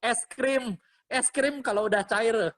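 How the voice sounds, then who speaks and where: Speaking slowly in a very high-pitched voice, a pastor delivers an informal, conversational sermon to an online congregation. He exhorts with animation, repeats phrases, and frequently checks in with listeners using brief questions.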